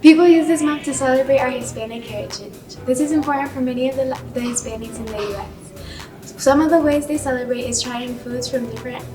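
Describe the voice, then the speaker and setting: A woman's voice: sits high, a little fast, distant mic, over music. A teenage girl from Colombia presenting on school news, reading with small slips. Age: teens. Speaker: student presenter.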